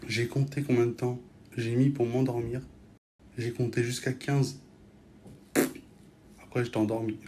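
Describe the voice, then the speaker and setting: Jeune Français au parler cru, son bruité. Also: male voice, medium pitch, flat delivery, measured pace, long pauses, dark tone, slight background noise. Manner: offhand, blunt, swearing. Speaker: vlogger filming stories for followers. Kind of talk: casual chat to camera, slangy.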